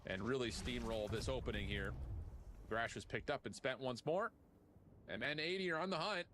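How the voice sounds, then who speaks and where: A man giving excitable color commentary on an esports match. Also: mid-range voice, normal speed, a loud crowd. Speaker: esports caster.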